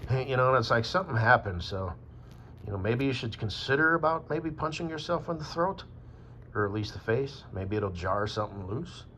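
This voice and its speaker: A man's voice: mid-range voice, lively intonation, fairly quick, bright, forceful tone, slight background noise. A man from Wyoming talking in a rambling, casual monologue, meandering with fillers and swearing. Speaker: vlogger. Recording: dull lo-fi with faint ambience.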